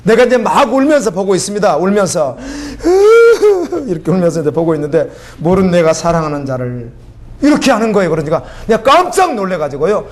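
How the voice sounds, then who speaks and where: A man's voice: high-pitched, very animated, fast. A man preaching a sermon as a pastor, emotional and pleading, his voice rising into fervent cries.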